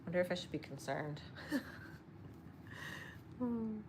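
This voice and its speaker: A woman's voice: lowish voice, animated, takes it slowly, background noise. A young woman chatting casually while she crochets, rambling, laughing often and cooing at her dogs. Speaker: crochet vlogger.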